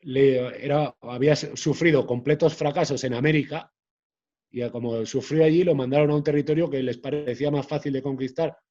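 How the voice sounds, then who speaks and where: A man, a guest author talking in an interview in a measured way, often restarting his phrases. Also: medium pitch, fairly even intonation, dark tone, lo-fi sound. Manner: measured, hesitant with frequent restarts. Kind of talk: conversational interview.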